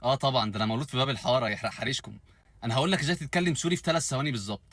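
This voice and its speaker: A man's voice: medium pitch, lively intonation, racing, a bit bright, no echo. A man with an Egyptian accent doing a comedy sketch, mocking dialects by stretching his words and switching between put-on voices.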